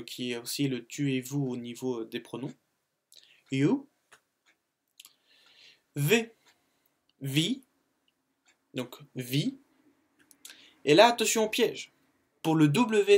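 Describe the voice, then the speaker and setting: A man hosting his own video, teaching in a casual, chatty way with frequent hesitations and restarts. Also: on the high side. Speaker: YouTube host teaching the English alphabet. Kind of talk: casual informal tutorial.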